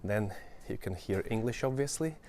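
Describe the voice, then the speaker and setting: Strolling outdoors through an old town, a Ukrainian travel vlogger points out sights to his viewers in casual commentary. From Western Ukraine and speaking with a Ukrainian accent in his native tongue's cadence, he has a lowish, animated, slightly mellow voice at normal speed, with a little hiss or hum on the recording.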